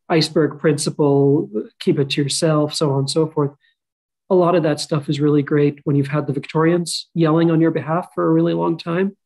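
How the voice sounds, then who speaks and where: A man's voice: on the high side, a little mellow, low-quality recording. A man who grew up in Qatar, speaking as an author on a panel over a video call, thoughtful and self-deprecating. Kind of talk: panel discussion. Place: home room. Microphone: video call webcam.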